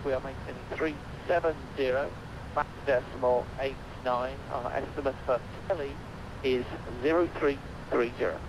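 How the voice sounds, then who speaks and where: A man giving a pilot's position report over a radio transmission, clipped and quick, with hesitant fillers. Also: medium pitch, steady tone. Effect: noisy radio transmission. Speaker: pilot on flight-sim radio. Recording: muffled noisy radio line.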